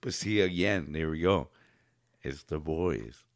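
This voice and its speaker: A man's voice: rumbling low, a little slow, no echo, clean studio sound. A man co-hosting a casual podcast, sounding nasal and congested from a cold, rambling through stories. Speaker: podcast co-host. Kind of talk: casual chat.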